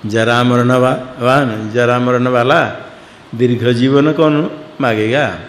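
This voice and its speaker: A man's voice: medium pitch, steady tone, takes it slowly. A man teaching a scripture lesson, explaining it word by word and putting questions to his class. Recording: echoey hall with faint background noise.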